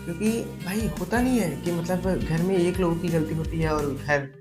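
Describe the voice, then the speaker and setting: A man's voice: fairly high pitch, moderate pace, over music. A man giving casual reaction commentary over a video clip, chatty and mocking, often laughing. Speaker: meme reaction channel host.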